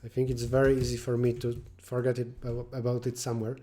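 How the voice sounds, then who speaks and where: A man codes on a live stream and talks through the problems quickly, his mellow, dark, mid-range voice delivered completely flat. He breaks off to handle chat now and then and sometimes mutters quietly while figuring things out. There is slight hiss or hum in the audio.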